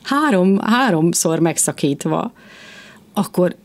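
A woman hosting a casual discussion, talking passionately and emphatically in quick bursts, a mother of two. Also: fairly low pitch, animated.

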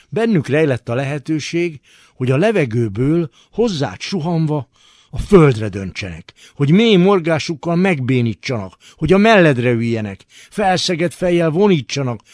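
A man giving a dramatic literary reading, expressive and swinging between hushed and forceful delivery. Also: fairly high pitch, no room sound, studio quality. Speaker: reader.

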